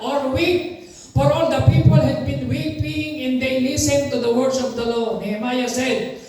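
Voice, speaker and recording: A man with a Filipino accent preaching a sermon, reading scripture aloud and calling for amens. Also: very high voice. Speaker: pastor. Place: church hall. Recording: echoey hall, voice from far off.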